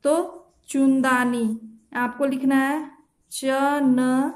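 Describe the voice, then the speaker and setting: A woman teaching shorthand step by step, slowly spelling out each stroke and repeating her examples. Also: high voice, echoey room. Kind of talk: slow step-by-step tutorial.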